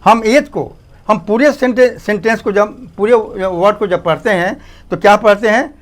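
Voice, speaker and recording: A man teaching a grammar lesson, slow and repetitive, often asking students to pay attention. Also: high voice.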